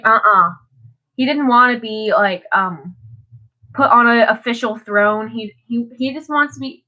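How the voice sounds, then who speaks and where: Sniffling and stuffed up, a teenage vlogger rambles about her daily Bible reading in a casual devotional talk, full of fillers and restarts. Her voice is fairly high and a bit bright, and the highs in the audio are cut off.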